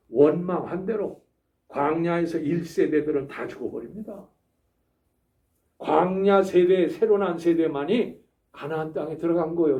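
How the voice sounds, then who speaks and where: A male pastor giving a sermon in a lively, emphatic way, full of rhetorical questions and exclamations, recorded from a distance in a church. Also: fairly high pitch, gravelly, reverberant, lo-fi sound. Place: church sanctuary.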